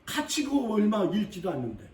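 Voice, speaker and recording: A male pastor preaching a sermon in an emphatic, repetitive way, with sudden swings between loud and quiet. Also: sits high, wildly swooping pitch, brisk. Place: church sanctuary. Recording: echoey church from a distance.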